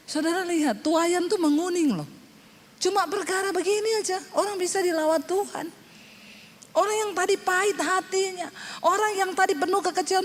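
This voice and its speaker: A woman pastor preaching, telling funny stories in a colloquial, animated way. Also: very high voice, long reverb tail. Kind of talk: sermon with storytelling.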